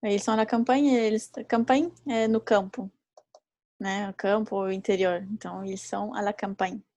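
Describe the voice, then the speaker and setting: A woman teaching a live online class who explains patiently and repeats each example slowly. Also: mid-range voice, steady tone, a little mellow, no room sound. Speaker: French teacher.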